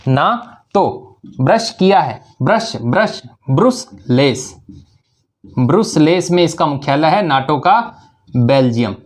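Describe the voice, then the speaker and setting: A man with a slightly high voice and lively intonation takes an unhurried approach to an exam-prep lesson. He relies on memory tricks, answers the questions he raises, and repeats important words for emphasis.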